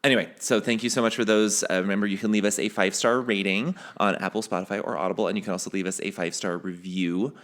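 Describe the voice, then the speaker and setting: A man with a fairly low voice co-hosts a relaxed podcast. He talks in loose, rambling sentences, restarts often and laughs easily as he chats with his co-host. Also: quick pace, few pauses. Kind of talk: casual podcast chat.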